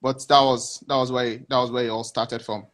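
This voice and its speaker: A man speaks in a mid-pitched voice over a video call. He answers at an easy, reflective pace, often stopping and restarting his sentences. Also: flat delivery, moderate pace, fairly bright tone. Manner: hesitant, many restarts, reflective. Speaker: interview guest. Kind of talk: casual interview answers.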